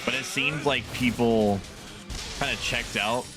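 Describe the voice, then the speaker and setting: With game music playing in the background, a man streaming as a VTuber chats casually about his gameplay in a medium-pitched voice, speaking a little slowly and laughing a lot.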